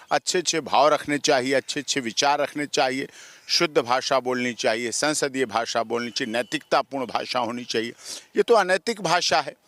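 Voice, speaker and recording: A man's voice: medium pitch, a bit bright, no echo. A man, a lawyer, giving emphatic comments in an interview and stacking up his points in long repeated lists. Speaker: lawyer guest.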